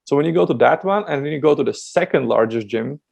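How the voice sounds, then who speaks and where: A man's voice: medium pitch, animated, fast talker, creaky, darkish tone, slightly rough. A man from Latvia, a dating coach guest on a podcast, talking in a chatty way with frequent laughs and many restarts. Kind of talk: casual podcast chat.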